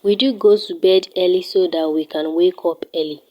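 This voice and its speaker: A Nigerian teenage girl, a student, shows off her home and walks through her daily routine, going over each thing in turn. She speaks with a Nigerian accent in a slightly low voice, at a careful, steady, normal pace.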